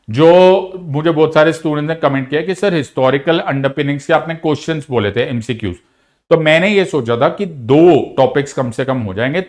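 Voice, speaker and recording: Mixing Hindi with English, an Indian-accented man delivers an online exam-prep lecture in a fairly high-pitched voice. He poses questions and answers them himself, speaking to students bluntly, scolding and then encouraging them.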